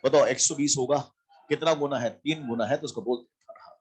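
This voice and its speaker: A man's voice: medium pitch, fast talker, husky. A man teaching a physics lesson, repeating key terms and answering his own questions. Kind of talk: classroom lecture.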